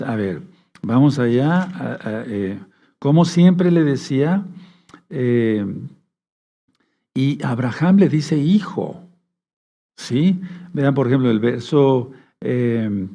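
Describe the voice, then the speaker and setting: Man preaching with a mellow voice. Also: mid-range voice. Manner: checks in with listeners often; reads scripture aloud slowly. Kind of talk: sermon teaching.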